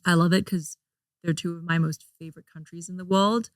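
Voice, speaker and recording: Interview guest, woman, lower than average pitch, chatty with plenty of fillers, close and dry. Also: steady tone, brisk, no room sound. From Hong Kong. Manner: chatty, laughs often, frequent fillers and restarts. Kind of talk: casual interview chat.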